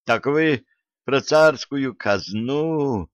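A man's voice: medium pitch, animated, slow, fairly bright tone, clean tone, dry recording. A man voicing a panicky old male treasurer who wails and pleads. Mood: anxious. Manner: wailing, pleading. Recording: dull lo-fi dry recording.

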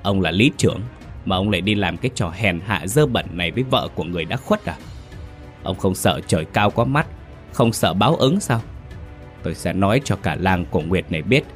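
A man's voice: low voice, expressive, a little fast, soft background music. A man voicing a young widowed village woman, defiant and enraged, who screams curses through sobs. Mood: furious.

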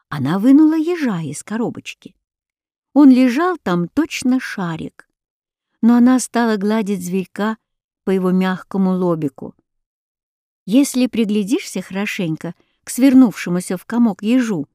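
A woman reading a fairy tale aloud in a calm, measured storytelling manner. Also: mid-range voice, no room sound, clean studio sound.

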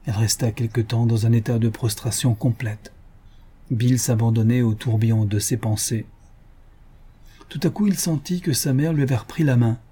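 A man narrating an adventure novel as an audiobook in a measured storytelling way. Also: medium pitch, warm tone, husky.

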